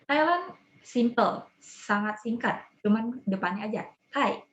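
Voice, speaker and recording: A woman with an Indonesian accent and a hoarse voice, teaching a casual online vocabulary lesson, chatty and repeating words slowly. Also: mid-range voice, lively intonation, slight background noise. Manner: chatty, mixes in English words, drawn-out repetitions. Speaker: Japanese language teacher. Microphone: video call recording. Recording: echoey, muffled video call audio.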